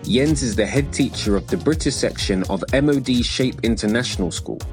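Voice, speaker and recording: A man reading a scripted podcast introduction in an even, read-out delivery. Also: mid-range voice, a little fast. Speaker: podcast announcer. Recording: faint music underneath.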